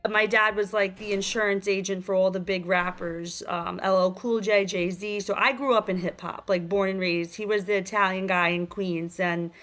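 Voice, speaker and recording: Speaking remotely on a virtual talk show, a young New York woman with a matching accent chats casually as a guest about her game. She's energetic and streetwise, peppering her medium-pitched, moderately paced speech with "like" and "you know" and rarely pausing.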